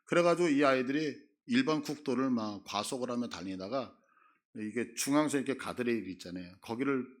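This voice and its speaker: Middle-aged male pastor preaching; lively, dramatizes quoted speech. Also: mid-range voice, a little fast. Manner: acts out Bible figures' words with a big rise in voice. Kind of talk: sermon.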